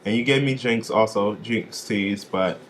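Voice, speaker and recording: A man's voice: lowish voice, unhurried, slight background noise. Sassy young man doing a vlog review. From Chicago. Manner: sassy, expressive, swooping emphasis on catchphrases. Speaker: vlogger reviewing drag contestants. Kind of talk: casual to-camera review.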